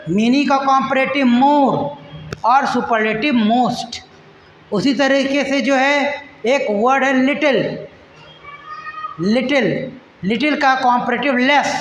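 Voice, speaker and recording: A male English teacher giving a grammar lesson, who spells and repeats words slowly syllable by syllable and addresses listeners as friends. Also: very high voice, a bit bright. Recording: echoey room with long reverb, faint noise.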